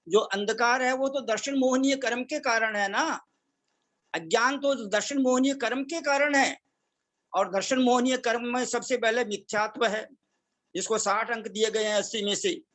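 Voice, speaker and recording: A man leads a religious recitation class in a high-pitched voice. He chants verses slowly and deliberately, stressing each vowel length, then explains pronunciation, slipping in English phrases. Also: fairly bright tone. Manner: mixes English phrases into Hindi. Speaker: scripture recitation teacher.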